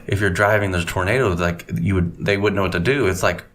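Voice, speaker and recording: A man's voice: deep voice, fast, fairly bright tone. A man, chatting loosely on a podcast in a meandering, folksy way. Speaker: podcast co-host. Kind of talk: casual chat.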